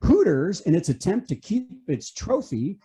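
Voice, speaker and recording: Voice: mid-range voice, very animated, moderate pace, mellow. A comedian delivering a topical monologue of punchy late-night jokes, setting up news items and landing punchlines.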